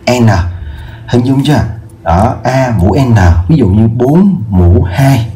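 Low, dark-voiced male math teacher. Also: slight background noise. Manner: checks in often with "ok chưa?", slows to spell out numbers. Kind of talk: casual video math lesson.

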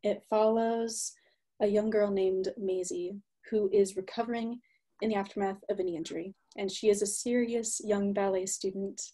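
A woman author describing her book gently and with many hesitations, on a video call. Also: mid-range voice, steady tone, moderate pace.

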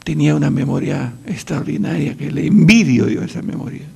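Older Peruvian man, very gravelly, husky, slightly high, halting storyteller with dry humor. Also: lively intonation, dark tone. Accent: Peruvian Spanish. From Peru. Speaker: professor telling anecdotes. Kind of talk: storytelling talk.

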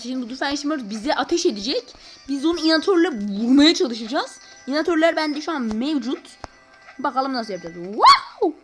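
High, lively young-sounding woman gaming. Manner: slangy, loud sudden exclamations. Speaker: gameplay channel host. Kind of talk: excited gameplay commentary.

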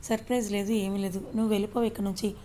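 Woman reading a young husband teasing his wife, scolds her a lot, kinda flat and mellow. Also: mid-range voice, racing, slight background noise, natural voice.

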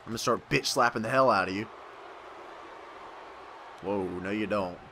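A man hosting a gaming video, giving excitable let's-play commentary, yelling, laughing and trash-talking his opponent. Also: fairly low pitch, moderate pace, some chatter behind, a little hiss or hum. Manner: laughs often.

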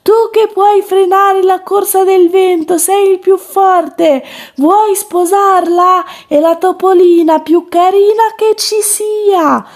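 A woman voicing a kind old man, pleading and high. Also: fairly even intonation, slow pace, mellow. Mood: shouting.

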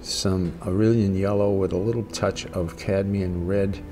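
An older man giving a casual watercolor tutorial as a gentle, encouraging, unhurried painting instructor. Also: sits low, flat delivery, background noise.

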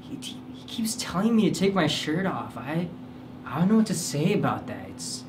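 A man's voice: a little high, big pitch swings, normal speed. A young man playing a flustered, exasperated guy who stammers and gets fed up. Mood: uneasy. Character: flustered young man pushed too far. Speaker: flustered actor in an improvised film. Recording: noisy background.

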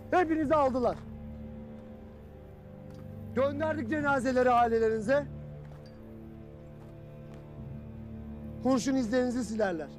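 An actor playing a stern, bitter army commander who scolds his soldiers in a film drama, cutting and repetitive, shouting his orders. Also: very high voice. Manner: harsh, cutting, repeats himself and shouts orders.

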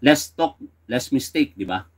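A man's voice: mid-range voice, expressive, measured pace, husky. Man chiding in casual commentary. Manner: conversational and chiding, with rhetorical questions. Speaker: political commentator.

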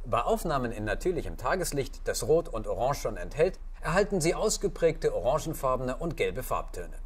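A man's voice: mid-range voice, very animated, normal speed, slightly rough. A man narrating a scripted camera tutorial, giving formal, polite step-by-step instructions. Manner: formal, addresses listener politely.

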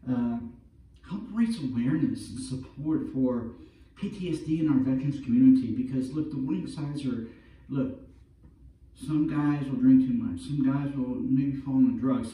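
A man's voice: medium pitch, mellow. A middle-aged man talking casually and informally to a distant camera in an empty room, as a vlogger. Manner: informal, peppers talk with "look" and "all right". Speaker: vlogger and veterans' awareness campaigner. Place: empty carpeted room indoors. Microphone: far camera. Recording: roomy echo, distant camera mic.

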